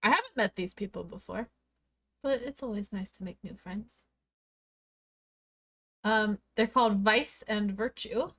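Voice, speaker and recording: A woman's voice: medium pitch, unhurried, long pauses, a bit bright. A woman streamer in casual chat, upbeat, talking straight to her viewers. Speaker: streamer and player.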